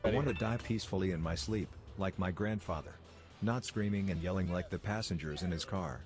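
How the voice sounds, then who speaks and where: A man telling jokes in a deadpan, measured way, delivering setups and punchlines as a comedian. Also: deep voice. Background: music.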